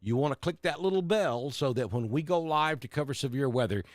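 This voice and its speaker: A man's voice: mid-range voice, expressive, fairly quick, no room sound. A middle-aged man from Alabama, chatting casually on a live weather stream and greeting viewers by name. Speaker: weather broadcaster.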